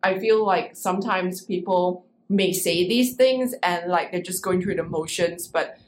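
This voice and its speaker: A woman co-hosting a casual podcast as a coach, talking in a lively, quick way and laughing often. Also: on the low side.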